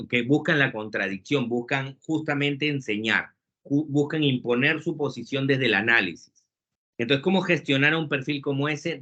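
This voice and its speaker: A man giving a webinar talk on leadership, lively and joking, acting out quotes along the way. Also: mid-range voice. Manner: lively, jokey lecturing with acted quotes. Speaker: webinar speaker. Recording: muffled lo-fi webinar audio.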